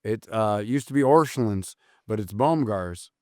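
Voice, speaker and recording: A man co-hosting a casual podcast chat, telling lively stories and slipping into put-on accents. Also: on the low side, unhurried, no echo, clean studio sound. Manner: animated storyteller, slips into put-on accents. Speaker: podcast co-host.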